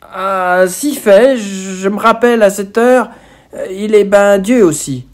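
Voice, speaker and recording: A man's voice: high voice, takes it slowly, voice pushed up. A man voicing naive country boys answering catechism questions, hesitant and rustic in speech. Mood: eager, flustered.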